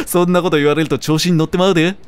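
A man voicing a gentle, easygoing male comedian in a put-on Kansai dialect. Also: on the high side, clear, resonant tone, pitched above the performer's own voice, close to an everyday voice.

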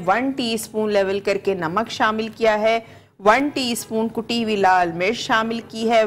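A TV cooking show chef in her forties with a Pakistani Urdu accent speaks in a voice on the high side. During a live demonstration in a studio kitchen, she patiently guides viewers through a recipe step by step, repeating each ingredient. She's wearing a lapel mic.

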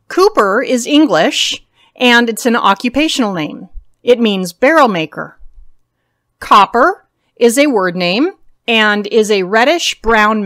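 A woman hosting a video, reading through a list of names and their meanings in a slow, measured way. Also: fairly high pitch, fairly bright tone. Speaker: video host.

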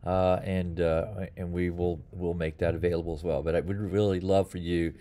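A man's voice: low-pitched, flat delivery, normal speed, warm tone. A man in his fifties, a pastor, giving casual church announcements from a small office, rambling with many fillers and restarts. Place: small office with bookshelf and blinds. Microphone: webcam or phone at desk, close framing.

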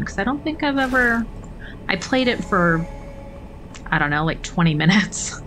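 A woman with a lowish, fairly bright voice chats and rambles casually as she plays a video game, tossing in self-mocking asides. She's a gaming streamer doing relaxed let's-play commentary, with game music audible behind her.

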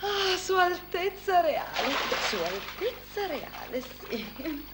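A woman's voice: extremely high pitch, big pitch swings, slow, very noisy, full character voice. An actress dubbing a fawning woman into Italian, gushing in a sing-song way. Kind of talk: Italian film dub.

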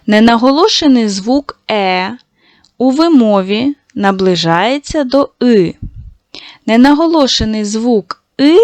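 In a recorded lesson for young schoolchildren, a woman with a mid-range voice draws sounds out slowly to demonstrate how they are said. She addresses the children directly, offering patient encouragement and praise, and the audio has no echo.

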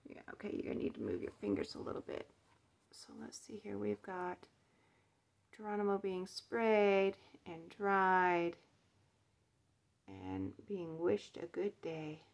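A woman patiently helping a child with reading, gently prompting and explaining words in casual talk. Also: lowish voice, very animated, a little slow, creaky, muffled recording. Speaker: parent helping a child read. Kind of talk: casual reading coaching at home.

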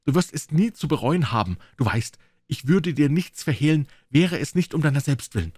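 A man's voice: fairly high pitch, big pitch swings, quick pace, no echo, clean studio sound, voice pushed up. A man voicing a frightened young wife who pleads urgently with her husband in an audiobook reading. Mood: desperate pleading. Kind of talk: audiobook character voice.

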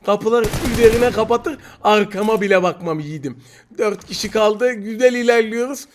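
A young man giving excited gameplay commentary, teasing and trash-talking his opponents. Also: high voice, normal speed. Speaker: mobile game streamer. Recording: noisy game audio with gunfire. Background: gunfire and game sounds.

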